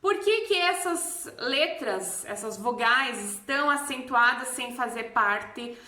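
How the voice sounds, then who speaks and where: A woman teacher with a Brazilian Portuguese accent patiently explaining a grammar lesson, repeating example words slowly. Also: fairly high pitch, lively intonation, pushed and bright. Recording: echoey room.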